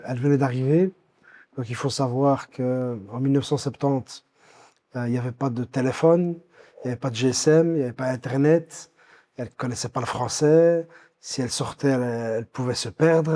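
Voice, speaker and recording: A Belgian-born man in his fifties, recounting his life story as an interview guest, with many pauses and restarts. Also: medium pitch, dark tone. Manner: hesitant, many fillers and restarts.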